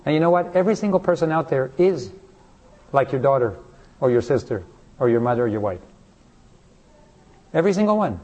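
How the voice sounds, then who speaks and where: A man's voice: mid-range voice, expressive, a little fast, long pauses, darkish tone. A man preaching a sermon who keeps asking the congregation rhetorical questions and briefly acts out the people in his stories. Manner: acts out short voices in stories.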